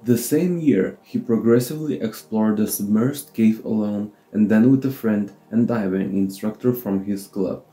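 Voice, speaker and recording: A man narrating a documentary script in a steady, measured way, with slightly non-native phrasing. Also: fairly low pitch, rough recording.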